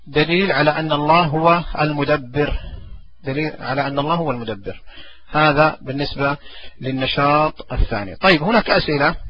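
A man teaching a religion class, his voice bright and a little higher than most. He asks a question, gives the answer himself, then says the verse again slowly so the pupil can follow. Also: lo-fi sound. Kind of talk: classroom lesson.

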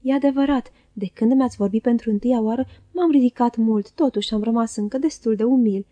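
A woman voicing a falsely humble, scheming young male clerk who speaks softly and unctuously in an audiobook reading. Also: a little high, no echo, highs cut off, close to an everyday voice. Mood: oily humble. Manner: oily, unctuous, soft-spoken.

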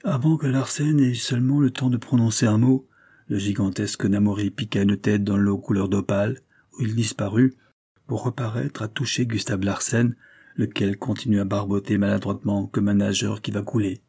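A man narrating an adventure novel in a steady, measured storytelling voice. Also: on the low side, husky. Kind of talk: scripted audiobook narration.

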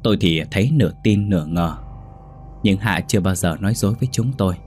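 A man narrates a first-person ghost story in a steady, measured way, his voice sitting very low. Quiet music hums faintly underneath the reading.

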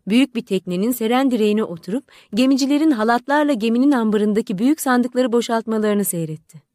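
A woman narrating a fairy tale audiobook in a measured, expressive storytelling manner. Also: fairly high pitch, dry recording, studio quality. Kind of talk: scripted narration.

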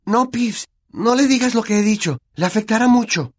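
A man with a Latin American Spanish accent voicing a clever, bossy schoolgirl who talks in a brisk, earnest way. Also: high-pitched, voice pushed up. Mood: flustered. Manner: brisk, earnest, a bit know-it-all.

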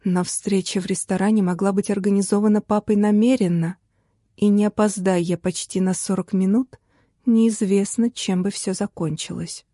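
A young woman narrates a first-person novel as an audiobook, her storytelling lively and wry. Her voice is medium-pitched at a moderate pace, recorded in a clean studio with no echo.

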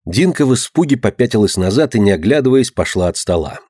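A man reading a story aloud in measured, expressive scripted narration. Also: mid-range voice, dry recording. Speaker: audiobook narrator. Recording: dry close studio sound.

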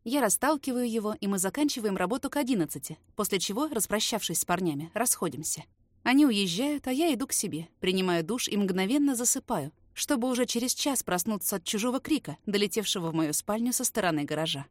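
A woman narrating a novel in the first person, steady and even. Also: mid-range voice, fast talker, no room sound, studio quality. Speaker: audiobook reader.

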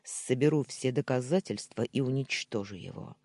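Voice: medium pitch, moderate pace, dark tone, dry recording, studio quality, lightly acted. A narrator voicing the hero, a brooding young man bent on revenge, speaking grimly.

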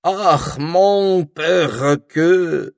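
A man's voice: drawn-out words, dry recording, clean studio sound, heavily acted. Madame Hortensia, a man doing a shrieking French engine. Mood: flirtatious. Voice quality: husky, shrill, theatrical. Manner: dramatic, squealing, flirtatious. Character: fussy elderly French female steam locomotive.

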